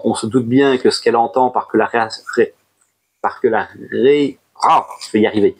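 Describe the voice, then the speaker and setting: A man in a relaxed video review of his manga buys, talking at a middling pitch. He rambles in a friendly way, jumps up in pitch whenever he moves on to the next title, and drops in teasing little jokes along the way. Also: husky. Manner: chatty and animated, jumps up in pitch on new titles, playful asides. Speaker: manga collection YouTuber. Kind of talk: casual monthly haul review.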